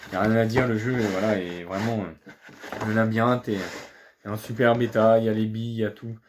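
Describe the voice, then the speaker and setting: A man's voice: on the low side, fairly even intonation, fairly quick, background noise. A man talking casually in a vlog about things he found, chatty and upbeat, often restarting words and padding with fillers. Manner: chatty, hesitant, keeps restarting words and saying voilà; upbeat and pleased. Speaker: video game collector showing flea market finds.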